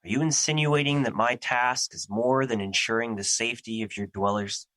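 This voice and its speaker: A man's voice: mid-range voice, normal speed, pushed and bright, dry recording, lightly acted, rough recording. A man playing a despairing, self-doubting embodiment of fear in an audio drama, speaking formally and solemnly. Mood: doubtful. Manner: formal, solemn, earnest diction. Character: Fear, male personified emotion, despairing, humble, doubting himself. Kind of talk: theatrical audio drama acting.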